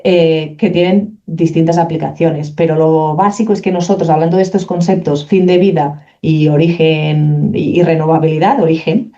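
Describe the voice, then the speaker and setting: A speaker giving a technical presentation for a company, explaining carefully while often pausing to search for words. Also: medium pitch, steady tone, warm tone. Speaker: company representative presenting a product. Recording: dull lo-fi recording.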